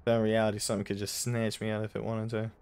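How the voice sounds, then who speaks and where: A young man giving casual, jokey commentary while playing a horror driving game, slangy and quick to yelp when startled. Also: fairly low pitch, completely flat delivery, darkish tone, clear, resonant tone. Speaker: gaming YouTuber.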